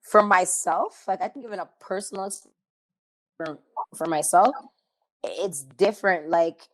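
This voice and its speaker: A young woman co-hosting a podcast, explaining in a thoughtful, relaxed, casual way. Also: fairly low pitch, normal speed, poor audio. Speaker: podcast co-host.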